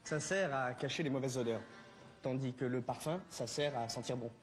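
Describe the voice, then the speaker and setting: A man's voice: medium pitch, moderate pace, faint music behind, close to an everyday voice. An actor playing an exasperated man in a comedy sketch, curt and sarcastic, on old tape audio. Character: exasperated middle-aged man pestered at the cinema.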